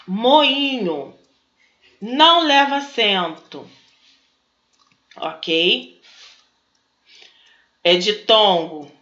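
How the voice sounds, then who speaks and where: A Brazilian woman teacher talks at an unhurried pace in a bright, fairly high voice, working through exercises one by one. She asks questions and then answers them herself. The sound is dull and lo-fi, with a roomy echo. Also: animated. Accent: Brazilian Portuguese. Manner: slow, explanatory, asks and answers her own questions. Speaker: Portuguese teacher. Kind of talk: recorded online class, working through exercises. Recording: echoey room, dull lo-fi sound.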